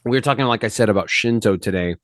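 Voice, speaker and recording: A man's voice: lowish voice, fast talker, no room sound, studio quality. A man hosting a faith podcast in a loose, rambling, slangy manner, with many restarts. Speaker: podcast host. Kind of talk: casual podcast chat.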